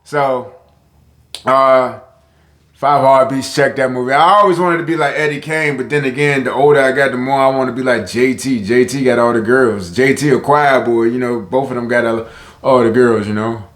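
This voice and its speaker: A vlogger with a deep voice rambles casually straight to camera, stopping and restarting his sentences, in an echoey room. He speaks at an ordinary pitch and moderate pace, with fairly even intonation and a fairly bright tone.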